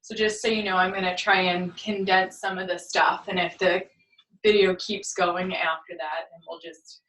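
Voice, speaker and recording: A woman movement teacher guiding a class through gentle stretches with calm, step-by-step cues. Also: on the low side, moderate pace. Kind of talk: guided movement class instruction. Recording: echoey room, far from the mic.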